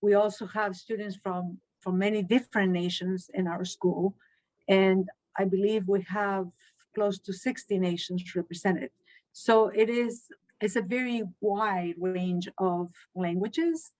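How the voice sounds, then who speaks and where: A Chilean Spanish teacher in middle age answers interview questions earnestly and at a measured pace, often restarting her sentences. Her mid-range voice stays steady and a little mellow, though the recording quality is low.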